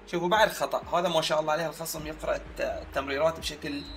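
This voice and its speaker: A young man giving excitable live commentary on his own football video game match, shouting at his players. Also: fairly high pitch, very fast, gravelly, faint music behind. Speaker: gaming streamer.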